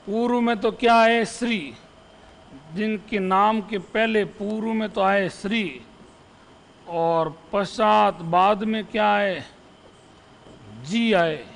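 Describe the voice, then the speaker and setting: A man's voice: high voice, slow, gravelly, long pauses, fairly bright tone, long reverb tail. A male Hindi grammar teacher giving an exam-prep lesson, repeating example phrases and checking in with the students after each one. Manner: poses questions to the students.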